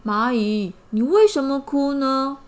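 A woman doing a gentle, puzzled storybook elephant. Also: high voice, lively intonation, a little slow. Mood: concerned.

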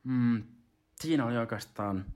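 A man's voice: mid-range voice, a little mellow. A man hosting a casual comedic monologue, rambling and stopping to restart his sentences. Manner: rambling, stop-start talk. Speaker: host.

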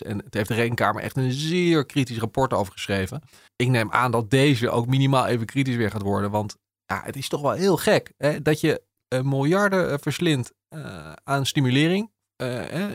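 Gravelly-voiced man, halting and thoughtful. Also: medium pitch, no room sound, clean studio sound. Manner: hesitant, many restarts and fillers. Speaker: journalist discussing his article. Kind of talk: conversational podcast interview.

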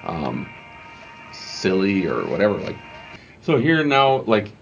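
A man's voice: fairly low pitch, huge pitch swings, slow pace, vocal fry. A man, a radio morning show host, casually explaining his work with lots of fillers and restarts. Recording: slightly dull lo-fi sound with faint music.

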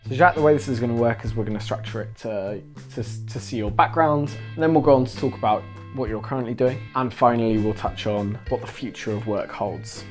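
West country bloke from bristol doing the interviewer bit, asking structured questions. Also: male voice, mid-range voice, brisk, hardly any pauses, soft background music. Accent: West Country English. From Bristol, England. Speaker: interview host.

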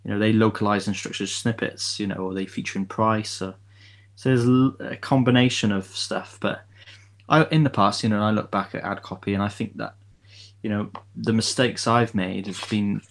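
A man's voice: lowish voice, fairly even intonation, moderate pace, vocal fry. A man co-hosting a podcast in casual chat, hesitant, with many fillers and restarts. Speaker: podcast co-host.

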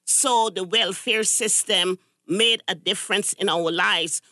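A woman's voice: medium pitch, a little slow, sharp tone, no echo. An older woman from Guyana, the candidate's mother, giving a preacherly address that quotes scripture. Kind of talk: speech-like address.

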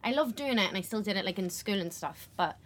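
A woman's voice: mid-range voice, lively intonation, fast. A young woman with a West Belfast accent chats casually and effusively in an interview, repeating words for emphasis. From West Belfast, Northern Ireland. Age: young adult. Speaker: actress being interviewed.

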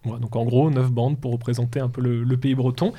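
A man's voice: mid-range voice, flat delivery, a little fast, mellow. A man on a radio talk show explaining history in a hesitant way, with many fillers and restarts. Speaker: history guest explaining heraldry. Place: radio studio.

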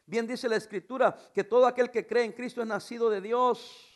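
A man preaching to his congregation with a notably high voice. He is a middle-aged pastor who swings between loud calls and soft asides, throws rhetorical questions at the room and keeps a joking edge. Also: fairly even intonation, brisk. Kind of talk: sermon.

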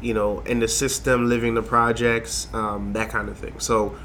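A man's voice: mid-range voice, level tone, normal speed, a bit bright, slight background noise. A young man from Haiti, a design lecturer, talking as a guest in a casual interview, rambling with many fillers and restarts.

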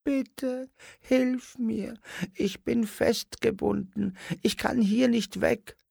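A man's voice: very high voice, steady tone, takes it slowly, vocal fry, darkish tone, slightly rough, no room sound, clean studio sound, voice pushed up, exaggerated voice. A man voicing a small, homesick forest gnome puppet who pleads in a trembling little voice. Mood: pleading. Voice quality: small shaky voice.

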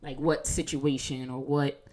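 A woman's voice: very deep voice, flat delivery, a little slow, a little mellow. A woman chatting casually and informally, asking questions and feeling out her phrasing as she goes.

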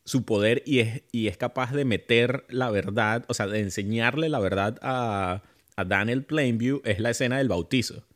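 A man's voice: medium pitch, normal speed. Man rambling in a casual film chat. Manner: rambling, many restarts and fillers.

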